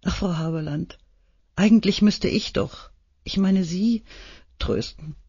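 A man's voice: high-pitched, husky, no room sound, highs cut off, pitched above the performer's own voice, full character voice. Man doing a small, tearful older woman. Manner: soft, halting, weepy.

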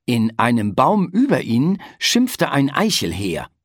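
A woman reading a children's story aloud slowly and calmly, with expressive rises and falls. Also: very deep voice, husky, no room sound, studio quality. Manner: slow, calm and expressive.

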